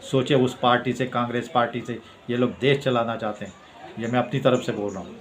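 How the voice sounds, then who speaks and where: A man's voice: medium pitch, fairly even intonation, brisk. A man delivering an impassioned political monologue, fervent and declamatory, repeating his points for emphasis. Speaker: political commentator.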